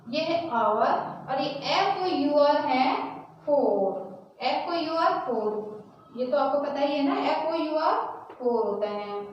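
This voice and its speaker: A woman's voice: high-pitched, lo-fi sound. A woman with an Indian accent, teaching young children phonics and spelling words out letter by letter. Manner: spells words letter by letter, then says them slowly. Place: classroom or school room. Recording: echoey room, mic far off, faint noise.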